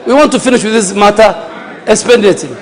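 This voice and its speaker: A man speaking as a member of parliament, addressing the chair in a halting way and repeating words. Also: high voice. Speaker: member of parliament debating from the floor. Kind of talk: parliamentary floor speech. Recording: reverberant parliament chamber.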